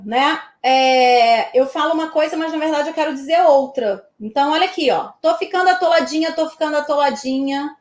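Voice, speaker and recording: A woman's voice: high-pitched, echoey room. A woman from Brazil teaching an online exam-prep lesson in a chatty way, checking in with her students after almost every point.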